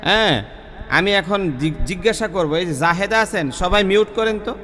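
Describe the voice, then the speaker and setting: High-voiced teacher drilling pronunciation. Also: male voice, brisk, pushed and bright, long reverb tail. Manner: repetitive, drills pronunciation examples, addresses students directly. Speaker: Quran recitation teacher. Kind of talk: online tajweed class.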